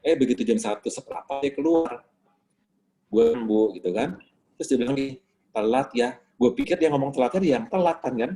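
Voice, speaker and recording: A man's voice: mid-range voice, fast. A man in casual chat on a video call, telling a story with lots of slang and acting out what people said. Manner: animated, acts out quoted lines in slangy talk. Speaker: guest.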